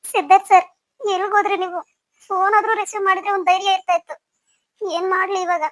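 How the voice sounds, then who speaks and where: A woman's voice: very high voice, little pitch movement, fast talker, no room sound, studio quality. A woman voicing a worried, scolding middle-aged mother in a cartoon story, grumbling as she talks. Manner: grumbling and complaining.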